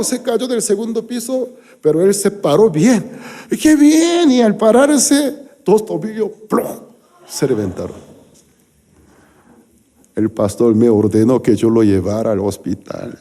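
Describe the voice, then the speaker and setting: A man's voice: a little high, big pitch swings, unhurried, dark tone. A male pastor delivering a sermon, telling stories animatedly with acted-out quotes and sound effects.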